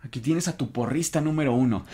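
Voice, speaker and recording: Husky, lively teacher. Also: male voice, on the high side. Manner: encouraging, repeats example sentences slowly, chatty asides. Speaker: English teacher. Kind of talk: online English lesson for Spanish speakers.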